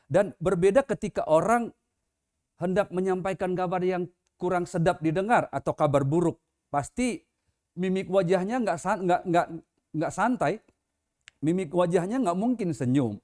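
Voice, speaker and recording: A man's voice: sits high, moderate pace, darkish tone. A man, a pastor, preaching a Sunday sermon in a conversational way, with casual examples. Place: church.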